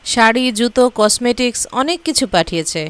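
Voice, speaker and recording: A woman's voice: on the high side, animated, normal speed, clean tone, dry recording, close to an everyday voice. A woman voicing an anxious woman conspirator in a spoken story, worried and hesitant.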